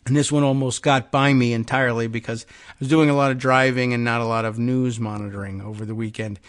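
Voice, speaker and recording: A man's voice: medium pitch, steady tone, fast talker, no room sound, clean studio sound. A man hosting a podcast, reading a news article aloud and breaking in with wry asides of his own. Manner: wry asides between read passages. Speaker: podcast host.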